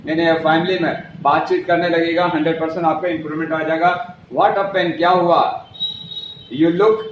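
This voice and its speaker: A man teaching an English lesson in a fairly high voice. He goes over each sentence slowly and more than once, moving between Hindi and English. The room is echoey, with a faint hum of noise behind him. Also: little pitch movement.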